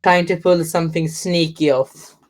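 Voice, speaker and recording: Low-voiced woman commentating a game. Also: steady tone, normal speed. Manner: agreeable, explains the play step by step. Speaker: esports commentator.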